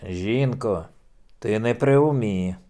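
A man's voice: fairly low pitch, takes it slowly. A man doing a furious old noble official. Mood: angry. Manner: stern, bursts into furious shouting. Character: stern older noble official, explosive temper. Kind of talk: audiobook reading.

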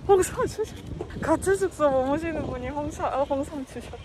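A woman talking through a face mask in a casual vlog, chatty and quick to exclaim. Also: sits high, noisy background. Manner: chatty, exclaiming at small surprises. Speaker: vlogger. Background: background music.

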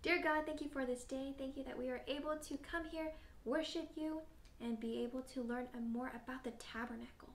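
A woman leading a children's worship lesson and prayer, gently asking the children questions and talking straight to them. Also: high voice, fairly even intonation, brisk, roomy sound, slight background noise.

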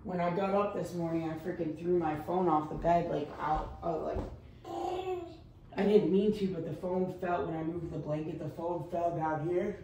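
In a warm, steady voice on the low side, at normal speed, a woman in her thirties chats to camera for a casual vlog. Frank and talkative, she leans on "like" and "guys" throughout. She's in the bedroom and kitchen of her small apartment, recorded from a camera a few steps away, so it's echoey and distant with background noise.

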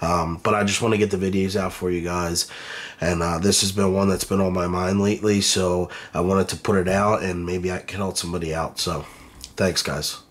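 Speaking fairly quickly in a low, level voice, a man gives casual, encouraging career advice straight to camera. He sounds congested and nasal from a cold and uses frequent ums and uhs.

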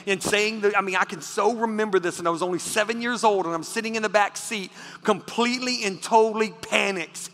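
Passionate male pastor preaching in a hall. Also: high-pitched. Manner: passionate, repeats words when moved, drops to a hush for the story. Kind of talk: sermon. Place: church sanctuary. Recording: church hall with reverb and faint music.

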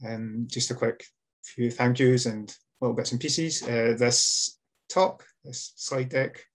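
A man's voice: mid-range voice, steady tone, slow. A young adult man with a Scottish accent presenting a workshop informally and with some self-awareness, as a union officer on a video call. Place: indoor room, video call with webcam.

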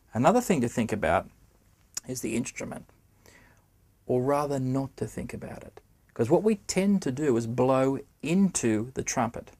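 A middle-aged man explaining how to play the trumpet in an easy, conversational teaching voice. He talks straight to the listener and keeps asking them questions. His pitch sits in the middle of the range. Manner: conversational, addresses the viewer directly with questions. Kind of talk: spoken music lesson to camera.

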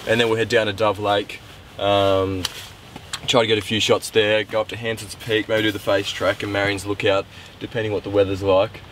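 A young adult man from Tasmania, Australia, vlogs casually while hiking on a wet, windy mountain, holding his camera at arm's length. His voice is lowish and fairly bright, with a level tone and normal speed. He's enthusiastic and rambles with ums, and the outdoor recording picks up noticeable background noise.

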